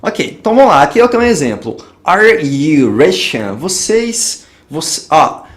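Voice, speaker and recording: A man teaching an English grammar lesson at a whiteboard. He explains patiently, checks in with the viewer after each point, and slows down to pronounce the example phrases. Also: high-pitched, sing-song. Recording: echoey room.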